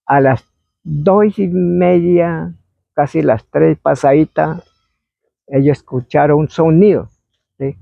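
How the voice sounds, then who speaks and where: A man, telling an oral history story in a meandering way and acting out shouts and quoted voices. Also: fairly high pitch, slow pace, gravelly, pauses often, dry recording. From Colombia. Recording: dry, phone-like narrow sound.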